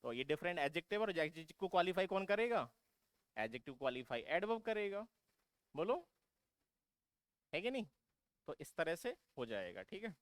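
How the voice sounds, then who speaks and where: A man's voice: high-pitched, big pitch swings, normal speed, pauses often, clear, resonant tone, no room sound, clean studio sound. A man teaching exam vocabulary who keeps asking his students questions and then answering them himself, calling them "beta". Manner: repetitive, drilling explanation. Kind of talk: vocabulary lesson for exam prep.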